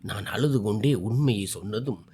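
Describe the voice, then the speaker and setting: A man's voice: fairly low pitch, moderate pace, dark tone, slightly rough. A man narrating a first-person family drama story with an emotional, wide-swinging delivery.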